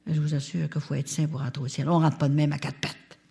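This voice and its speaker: An older woman with a Canadian French accent, telling a testimony at a religious retreat in an animated way and turning often to her listeners. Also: sits low, fast talker, gravelly. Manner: animated, talks straight to the audience. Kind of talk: testimony storytelling.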